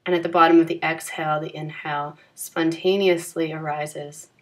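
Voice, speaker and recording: Here a woman takes listeners through yoga nidra meditation; her delivery is low-pitched, unhurried, calm, and gently soothing.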